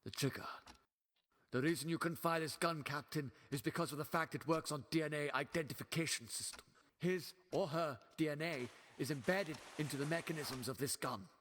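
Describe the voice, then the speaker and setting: An actor playing a wry, authoritative older time-traveling doctor in a fan audio drama, with a theatrical delivery. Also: male voice, fairly high pitch, a little fast, fairly bright tone, big-room sound, slight background noise, lightly acted. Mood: explaining, absorbed.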